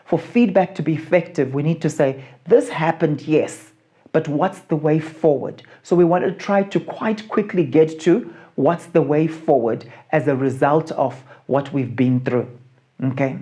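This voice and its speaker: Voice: medium pitch, moderate pace, dark tone. A marriage coach giving a teaching talk about feedback, stressing key points and often checking in with the listener. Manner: emphatic, repeats key points and checks in with "okay?".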